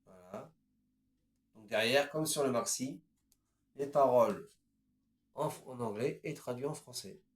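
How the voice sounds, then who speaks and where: In a mid-range voice that runs a little slow with frequent pauses, a man in his fifties chats hesitantly through his record collection. He hops item to item, leaning on fillers like "voilà" and "ensuite," and the room gives off an echo.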